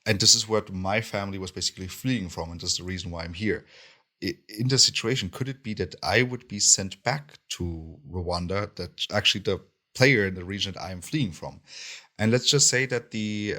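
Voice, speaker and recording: A man co-hosting a podcast, talking in a halting way with many fillers and restarts. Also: low voice, pushed and bright. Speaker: podcast co-host. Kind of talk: casual podcast commentary.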